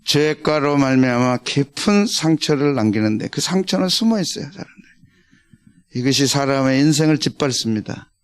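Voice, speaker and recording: A man's voice: medium pitch, moderate pace, clean tone. An older man, a senior pastor, preaching a conversational, emphatic sermon and calling out to his congregation.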